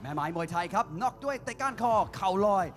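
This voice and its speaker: A man working as a ring announcer, introducing fights in an excited, showy style with drawn-out build-ups. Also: sits high.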